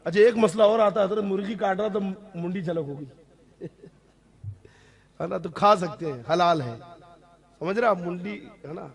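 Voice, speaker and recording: A man's voice: high-pitched, vocal fry, pauses often. A man, an Islamic scholar, answering audience questions on religious rules, stressing key points and often checking that listeners follow. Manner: emphatic, repeats key rulings.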